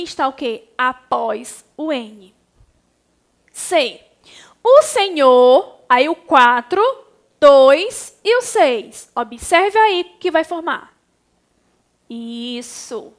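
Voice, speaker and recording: A Brazilian woman with a high voice teaches young children in a recorded class. She speaks slowly and patiently, calling them affectionately and guiding each step of the exercise. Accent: Brazilian Portuguese. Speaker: primary school teacher.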